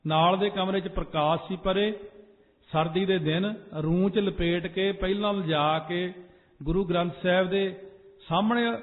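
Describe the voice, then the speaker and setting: A high-voiced man preaches a Sikh sermon to a gathered congregation, slipping into a sing-song chant with sung phrases before driving his points home with sudden urgent force. The audio is thin and tinny like a phone line, and a long hall echo rings around him.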